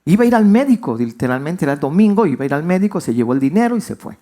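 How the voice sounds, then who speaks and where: Pastor preaching in a lively storytelling voice. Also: male voice, racing. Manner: conversational storytelling, asks the congregation questions, pitch swings widely. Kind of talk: sermon. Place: church.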